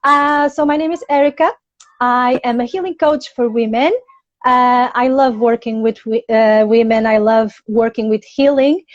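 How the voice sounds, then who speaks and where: A bubbly woman from Portugal with a high, bright-sounding voice, chatting on a live stream as a healing-coach guest. The audio is a bit muffled and lo-fi, as from a video call at home. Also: steady tone, moderate pace, dry recording. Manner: bubbly, laughs often. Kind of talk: casual live-stream chat.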